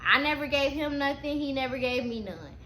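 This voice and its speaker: A woman's voice: sits high, fairly quick. A young adult woman chatting casually in a slangy, easily sidetracked stoner manner as she tells a story. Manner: slangy, informal, animated asides. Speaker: storytime vlogger. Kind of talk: casual storytime chat to camera. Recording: echoey room with faint background noise.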